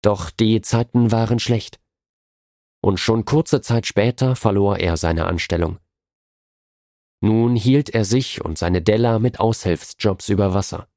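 A man reading a story aloud in a calm, measured narration. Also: lowish voice, no room sound, clean studio sound.

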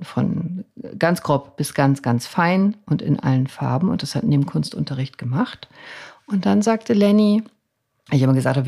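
A woman's voice: fairly low pitch, creaky, a little mellow. A middle-aged woman, a doctor and mother, tells a personal story in a reflective, conversational way with frequent restarts. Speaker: podcast host.

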